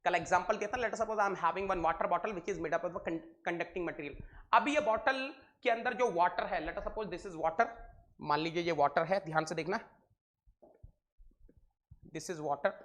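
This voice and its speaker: A man's voice: high-pitched, measured pace, a bit bright. An Indian man with an Indian accent giving a live online engineering lecture, mixing Hindi and English, repeating points and quizzing his students affectionately.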